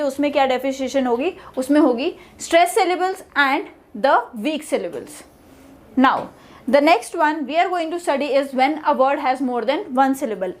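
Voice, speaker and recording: Slow, high-voiced woman teaching pronunciation. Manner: mixes Hindi and English, repeats each word slowly. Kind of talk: online language lesson.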